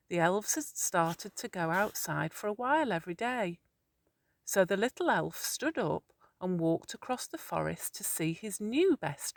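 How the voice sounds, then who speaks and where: Slow, soothing woman reading a children's story. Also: lowish voice, no room sound, clean studio sound. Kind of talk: calm therapeutic children's story narration.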